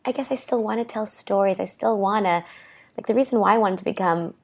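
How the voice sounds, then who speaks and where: Speaking briskly in a medium-pitched voice that's gravelly yet slightly mellow, this young woman is a guest in a casual interview on a clip-on mic. She talks with her hands and wanders through her points, leaning heavily on "like" and "you know what I mean."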